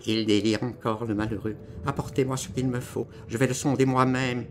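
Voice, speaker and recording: A man's voice: medium pitch, level tone, normal speed, pitched above the performer's own voice, close to an everyday voice. A man voicing a bossy middle-aged female head nurse who gives curt, commanding orders, in an audiobook reading. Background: music.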